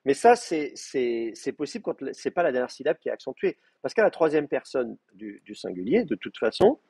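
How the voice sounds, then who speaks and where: A male lecturer talking through a live classroom lesson in a slightly husky voice. His pitch moves a lot as he explains, and the sound is dry and close. He often hesitates and restarts his sentences. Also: sing-song, brisk, a little mellow, no echo. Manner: hesitant, stop-start explaining with many restarts. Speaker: university Hebrew lecturer. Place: classroom with in-person and remote students.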